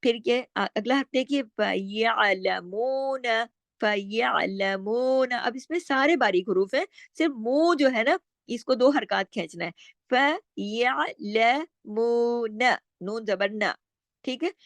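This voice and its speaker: A woman with a slightly high voice teaches the rules of Quran recitation. She goes step by step, poses questions and answers them herself, and stretches each recited word out slowly. The sound is dry and close, with no room in it. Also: lively intonation, no room sound. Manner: patient, explains step by step, asks and answers her own questions; draws out Arabic words slowly when reciting. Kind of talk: tajweed lesson with slow recitation.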